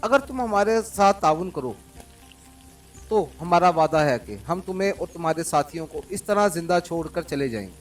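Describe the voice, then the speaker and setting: A man reading an audiobook, voicing a calm, coldly commanding male secret agent, recorded from a distance over faint music. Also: a little high, moderate pace, close to an everyday voice. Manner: calm and cold, mocking laughter.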